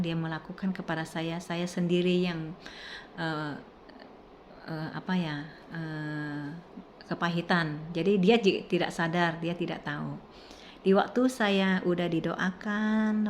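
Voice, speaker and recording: A woman's voice: on the low side, slight background noise. A middle-aged woman telling a personal testimony in casual, rambling speech with many fillers and restarts. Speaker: testimony speaker.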